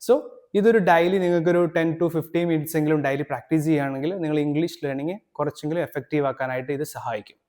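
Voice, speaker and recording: A man from Kerala, an English teacher and channel host, runs a language tutorial in a fairly high, darkish voice. He explains the steps steadily and reads his English prompts out slowly.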